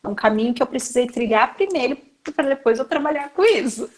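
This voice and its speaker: A Brazilian woman with a Brazilian Portuguese accent speaks in a high, animated voice, a little fast. She's giving a chatty, conversational lecture to educators, often turning to her listeners and addressing them directly with frequent fillers.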